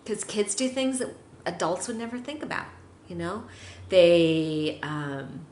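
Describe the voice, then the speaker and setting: A woman's voice: on the low side, a little slow, darkish tone. A middle-aged woman, a dog trainer, giving chatty, upbeat training advice to dog owners. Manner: upbeat and chatty, acting out pets' thoughts. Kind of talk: instructional talk to dog owners. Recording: roomy echo, faint hiss.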